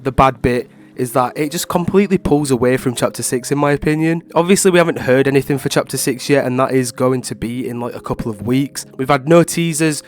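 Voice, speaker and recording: A man's voice: mid-range voice, fairly quick, hardly any pauses. Congested, nasal man giving casual commentary. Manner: informal, rambling, frequent hedging with "like" and "obviously". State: ill with a blocked nose. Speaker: gaming video creator. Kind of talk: casual opinion commentary to viewers.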